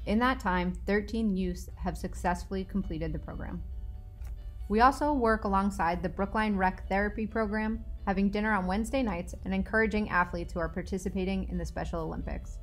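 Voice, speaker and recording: A woman reading a scripted narration about police community work in a steady, read-aloud manner. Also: medium pitch, fairly quick, soft background music.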